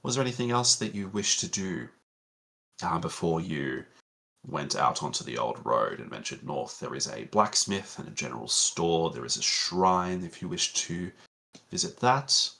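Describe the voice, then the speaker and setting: A man narrating a tabletop game as game master in a relaxed, meandering way with many fillers. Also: deep voice, normal speed, gravelly.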